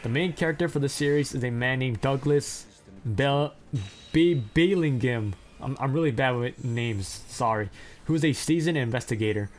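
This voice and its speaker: A man's voice: mid-range voice, normal speed. A man narrating a ranked anime list, reading plot summaries and breaking off into blunt, profane, self-deprecating asides. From China.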